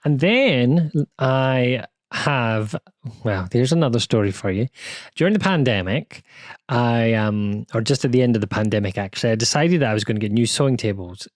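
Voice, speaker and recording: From his home sewing room, a UK quilting-channel host with a British accent talks in a relaxed, self-mocking way, often wandering into asides and starting sentences over. His medium-pitched voice comes through in a dry, clean studio recording.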